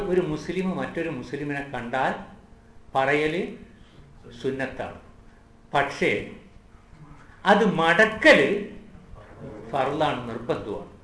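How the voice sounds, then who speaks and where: A man teaching a lesson, slow and patient, repeating words for the class to recite. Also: high voice, a bit bright. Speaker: Arabic teacher. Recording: echoey room, faint ambient noise.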